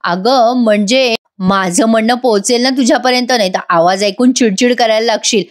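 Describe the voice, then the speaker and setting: A woman's voice: on the high side, normal speed, natural voice. A woman voicing a young husband who is playful and then flustered, reading his lines in her own voice. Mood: playful teasing.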